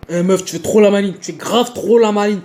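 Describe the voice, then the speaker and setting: A woman voicing an aggressive young man who threatens loudly in heavy slang. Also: medium pitch, a little fast, lightly acted. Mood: shouting. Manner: slangy, menacing, shouting.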